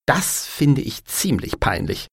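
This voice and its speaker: A man voicing a calm, matter-of-fact young man in a story read for language learners. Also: mid-range voice, takes it slowly, vocal fry, slightly rough, heavily acted.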